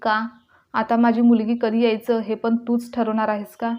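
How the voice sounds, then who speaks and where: A woman's voice: on the high side, completely flat delivery, normal speed, lightly acted. A woman voicing an elderly, self-pitying mother-in-law who complains tearfully. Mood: indignant. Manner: whiny, accusing. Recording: dull lo-fi recording.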